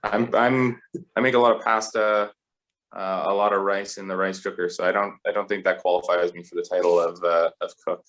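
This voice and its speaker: Low-voiced young man, easygoing. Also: flat delivery, a little fast, fairly bright tone. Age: 20s. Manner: easygoing, rambling with frequent fillers. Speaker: rugby player guest. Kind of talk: casual interview chat.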